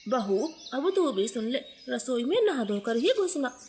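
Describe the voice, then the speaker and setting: A woman's voice: high voice, big pitch swings, a little slow, darkish tone, a little hiss or hum. Woman putting on a harsh, taunting old sparrow mother-in-law. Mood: scolding.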